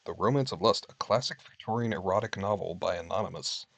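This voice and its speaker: This man streams from home, talking with his viewers in a candid, wry, casual way, reading list items aloud and commenting on them. His voice is low and gravelly, his pace quick, and there's no echo.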